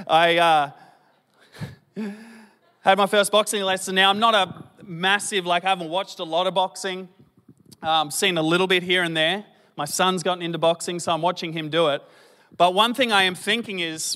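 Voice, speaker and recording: A man's voice: high voice, bright, forceful tone, long reverb tail. An Australian man in his late thirties preaching a sermon in a conversational way, with self-deprecating humor. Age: late 30s. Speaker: pastor.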